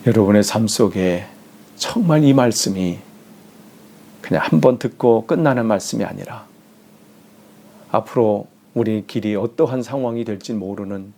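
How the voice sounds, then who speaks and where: A man's voice: lowish voice, normal speed, creaky, long pauses. A man preaching a sermon as pastor, telling a story with rising emphasis and sometimes dropping to a whisper. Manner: animated storytelling, dropping to whispers for quoted lines.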